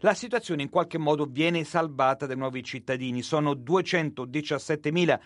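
A man reading a scripted radio news report in a brisk, factual way. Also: on the high side, dry recording, studio quality.

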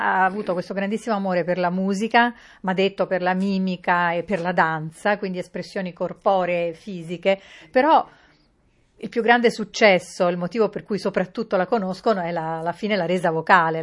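Woman interviewer asking long questions. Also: on the low side. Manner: polite, explains questions at length.

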